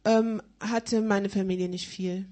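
A woman's voice: mid-range voice, steady tone, a little slow, dark tone. Hesitant woman interpreting a sermon. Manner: hesitant, many fillers and restarts while searching for words.

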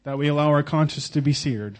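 A man from Oklahoma preaching a sermon in short, earnest phrases, pausing so an interpreter can follow. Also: a little high, a little mellow. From Oklahoma, United States. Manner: earnest, pausing after each phrase, occasional stumbles.

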